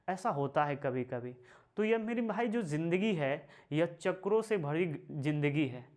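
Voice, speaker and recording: A man teaching a history lesson for exam preparation, repeating key phrases slowly and calling viewers his brothers and friends. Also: on the high side. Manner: slow, repeats phrases for emphasis.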